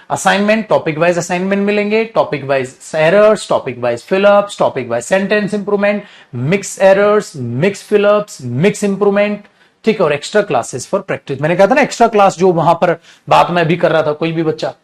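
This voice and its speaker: A man teaching an online English class in a high-pitched voice. He talks to his students fondly as children and repeats every point in lists. His tone swings between patient coaxing and sharp scolding. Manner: repetitive, list-like explaining.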